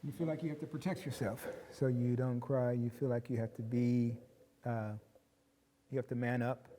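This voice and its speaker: A man speaking in a measured, explanatory way with frequent pauses, in a reflective group discussion. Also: mid-range voice, little pitch movement, in a large hall, background noise. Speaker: discussion panelist.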